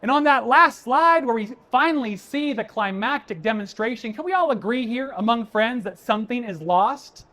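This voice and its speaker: On a conference stage before an audience, a man with an extremely high-pitched, sharp voice gives an animated keynote at normal speed with few pauses. He is emphatic, punchy, and conversational, speaking straight to the crowd and calling them folks.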